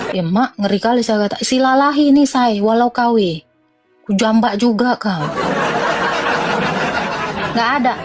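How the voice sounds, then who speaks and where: High-pitched, blunt, mocking woman. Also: a little slow, long pauses, faint music behind, a faint crowd. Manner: blunt, mocking and animated, with laughs and swings of pitch. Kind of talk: informal religious commentary rant.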